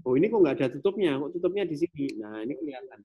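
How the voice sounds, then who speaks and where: A man with an Indonesian accent teaches a live programming class, demonstrating code on screen as he goes. His pitch rises and falls in a lively way, and he thinks aloud, repeating points. It comes across as a casual classroom explanation. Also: racing, highs cut off. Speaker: programming lecturer.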